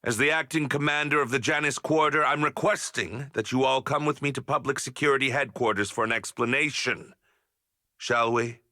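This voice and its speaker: A man's voice: medium pitch, normal speed, pushed and bright, no echo, clean studio sound, close to an everyday voice. A male actor playing a smug, theatrical police commander in a video game, pompous and declamatory. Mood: triumphant, official.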